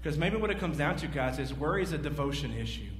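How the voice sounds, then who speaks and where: Quick and animated, this male pastor in his forties strides across a big church stage, gesturing while he preaches and puts questions to the congregation. His voice is a little high, heard in an echoing hall with a faint hum underneath.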